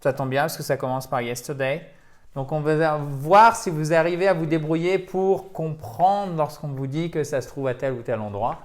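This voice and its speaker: A man's voice: fairly high pitch, moderate pace. A man teaching English pronunciation in a video lesson, explaining in French and repeating example words with the stress marked.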